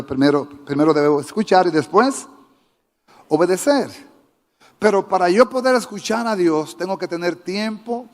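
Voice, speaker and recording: Male preacher, fairly high-pitched, fervent, quizzes the congregation; long church-hall reverb. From Dominican Republic. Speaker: pastor. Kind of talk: sermon. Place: church sanctuary.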